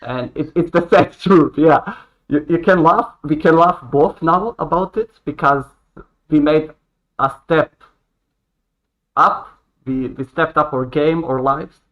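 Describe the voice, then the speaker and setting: A man in his late twenties from Croatia, a podcast guest, talking earnestly in a halting way with many restarts. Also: fairly high pitch. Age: 20s. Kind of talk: casual conversation. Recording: dull lo-fi sound.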